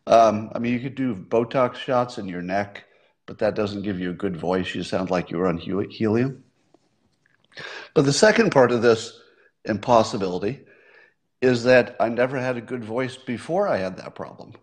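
Man in his 60s hosting a casual monologue; reflective, conversational, slightly low register. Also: normal speed. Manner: musing, conversational, self-amused. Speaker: livestream host.

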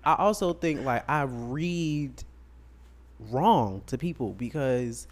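A man's voice: medium pitch, animated, slow. A man co-hosting a podcast, telling stories in a dry, nonchalant way and laughing often. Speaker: podcast co-host. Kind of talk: casual chat.

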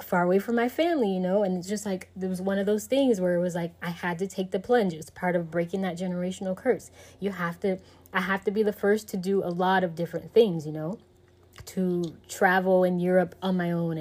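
A woman's voice: fairly low pitch, dark tone. A woman in casual conversation, talking in a reflective way and filling her speech with "you know" and "like".

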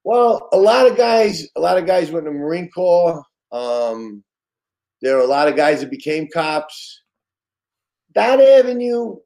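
A retired police detective from Brooklyn, New York, older or middle-aged, reminisces casually as an interview guest, his phrasing loose and streetwise. His Brooklyn-accented voice is medium in pitch with vocal fry and a darkish tone, and the audio quality is poor.

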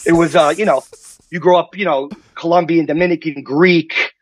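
A man with a Queens New York accent chats casually, halting and repeating himself with street-wise banter. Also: fairly high pitch, steady tone, no echo. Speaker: guest. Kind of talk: casual chat.

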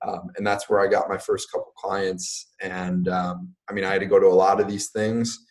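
Young man, very low voice, laid-back, lots of fillers, interview guest. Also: flat delivery, normal speed. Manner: casual, many fillers like "like" and "um". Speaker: guest entrepreneur. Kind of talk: podcast interview.

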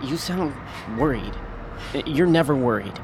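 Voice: medium pitch, animated, unhurried, background noise. An actor playing a cheeky, whiny teenage younger brother with a sardonic manner in an audio drama. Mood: worried.

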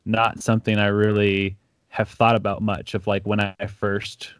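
This guest, a young comic creator from Ecuador, chats casually in an interview, acting out quotes in animated stories packed with "like". His voice is lowish with a clean tone and a moderate pace, captured in a dry recording.

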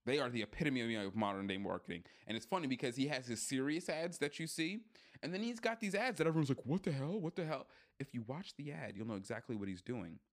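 A man co-hosting a podcast in casual chat, blunt, profane and animated, joking as he goes. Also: medium pitch, quick pace. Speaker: podcast co-host.

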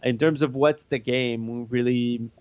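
A man speaking casually as an interviewed game developer, halting and often searching for words. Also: medium pitch, steady tone, darkish tone. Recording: roomy, band-limited dull sound.

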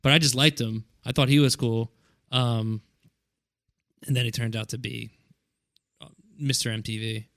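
A man's voice: medium pitch, steady tone, moderate pace, pauses often, a bit bright, dry recording, clean studio sound. A man co-hosting a podcast, chatting casually and laughing often. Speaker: podcast co-host. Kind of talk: casual chat.

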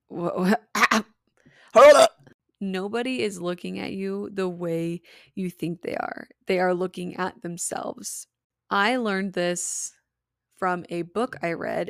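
A woman's voice: lowish voice, clear, resonant tone, no room sound, studio quality. A young woman with a Utah accent hosting her own podcast in a casual, candid way, giggling and swearing freely as she chats. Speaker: podcast host. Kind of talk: casual solo podcast chat.

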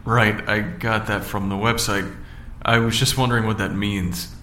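A man's voice: lowish voice, level tone, normal speed, sharp tone, reverberant, a little hiss or hum. A man playing an unsure male amateur investigator who probes hesitantly and sounds weary. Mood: wary.

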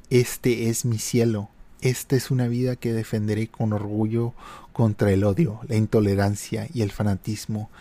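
A man's voice: medium pitch, dark tone. A man hosts a podcast, reading online posts aloud and chatting about them in a conversational way with hesitant fillers. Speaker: podcast host.

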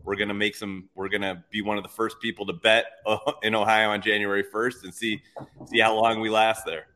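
A man's voice: fairly low pitch, little pitch movement, fairly quick, bright, forceful tone, a little hiss or hum. A man appearing as a guest on a live betting show, talking through his picks in an upbeat, easygoing way. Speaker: sports bettor guest. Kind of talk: casual chat on a live show.

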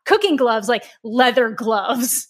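A woman's voice: a little high, animated, slow. A woman co-hosting a podcast, chatting casually about a movie, laughing often and swearing while she mocks it. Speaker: podcast co-host. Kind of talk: casual movie review chat.

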